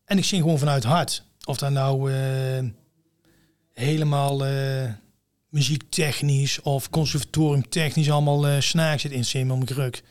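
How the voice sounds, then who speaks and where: A man's voice: mid-range voice, fairly even intonation, unhurried. A man telling a story in casual conversation, blunt and swearing freely, acting out the other people's voices. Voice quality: rough singing voice. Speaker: guest, singer-songwriter.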